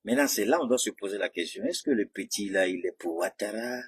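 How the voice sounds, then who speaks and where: A man's voice: lowish voice, lively intonation, quick pace, breathy edge. A man giving a heated, mocking political commentary, speaking straight at his rivals. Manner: mocking, combative, addresses rivals directly.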